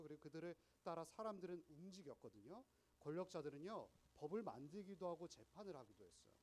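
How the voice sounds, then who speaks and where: A man's voice: on the high side, darkish tone, breathy edge, low-quality recording. A young man preaching a sermon to teenagers. He talks in a chatty, explaining way and keeps asking the audience questions. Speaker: youth group preacher.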